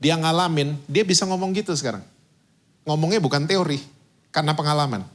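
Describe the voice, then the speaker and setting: A man's voice: on the high side, fairly quick. A man in his fifties, a pastor preaching a sermon. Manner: lively storytelling, mixes in English phrases. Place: church stage.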